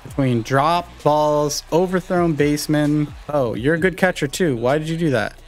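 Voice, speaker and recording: A young man giving live commentary on a baseball video game he is playing, talking to his viewers and reacting loudly to each play, with faint music behind him. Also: fairly high pitch, normal speed. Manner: excitable, talks to viewers while playing. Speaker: gaming YouTuber.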